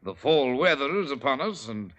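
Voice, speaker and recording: Male actor as Doctor Watson: cheery older gent, bright animated voice, 1940s radio drama. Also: medium pitch, normal speed, lightly acted. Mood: jovial. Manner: jovial, chuckling, hearty. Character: genial elderly Doctor Watson, chuckling storyteller.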